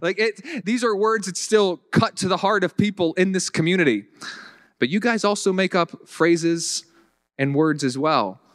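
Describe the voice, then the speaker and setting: A man's voice: sits high, moderate pace. A man with a Southern accent preaching a conversational sermon, often repeating words as he restarts his sentences and dropping in dry humor. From Virginia. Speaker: pastor.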